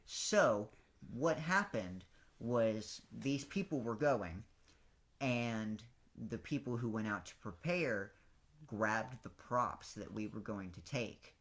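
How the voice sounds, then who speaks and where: A man's voice: fairly low pitch, lively intonation, takes it slowly, a bit bright. Chatty man explaining step by step. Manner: explains step by step, restarts often. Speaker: podcast co-host. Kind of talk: casual storytelling chat.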